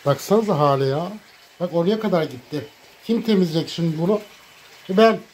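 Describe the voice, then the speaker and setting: A man recording a cooking vlog in his home kitchen, talking dramatically to viewers and breaking into loud, theatrical insults. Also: a little high, lively intonation, fairly quick, slight background noise. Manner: dramatic, shouts insults, addresses viewers as "canlarım". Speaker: cooking vlogger.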